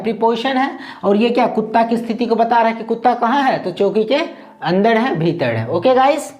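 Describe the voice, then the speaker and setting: A woman's voice: a little high, a little mellow. A woman from India with a Bihari Hindi accent, teaching English grammar in a lesson. She asks a question and then answers it herself, and often says "okay guys". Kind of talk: classroom-style grammar lesson.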